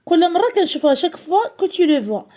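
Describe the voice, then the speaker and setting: A woman with a Moroccan accent teaching a primary school French lesson, repeating words slowly and carefully to drill syllables. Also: very high-pitched, sing-song, dark tone.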